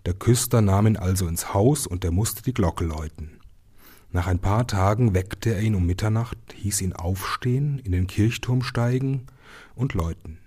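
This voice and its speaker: A male storyteller reading a fairy tale aloud. His voice sits low and sounds husky. He drops to a hush for the eerie passages. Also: normal speed.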